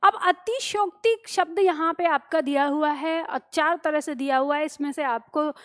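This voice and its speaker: A woman's voice: sits high, normal speed, a bit bright. A woman teaching an exam-prep lesson, explaining step by step, asking questions and answering them herself. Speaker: Hindi teacher.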